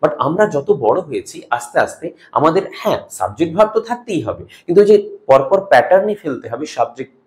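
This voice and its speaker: A man with a Bengali accent teaching English grammar rules for an exam, explaining each rule and reading example sentences slowly and deliberately, checking in with "okay?" as he goes. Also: on the high side, big pitch swings. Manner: mixes English terms into Bengali, asks "ok?" often. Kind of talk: exam-prep grammar lesson.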